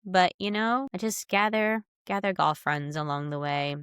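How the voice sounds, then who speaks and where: Casting: woman podcast co-host, low voice, smooth tone, a bit stuffy and nasal, chatty. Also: normal speed, no echo, studio quality. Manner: chatty, animated storytelling. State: nasal from a cold. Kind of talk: casual sports chat.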